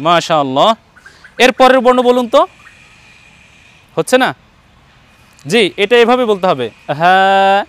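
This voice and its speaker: A man's voice: sits high, big pitch swings, a little slow, pauses often, a bit bright, smooth, no echo. A man with a Bangladeshi Bengali accent, teaching Quran letter pronunciation online and patiently repeating each sound for his students.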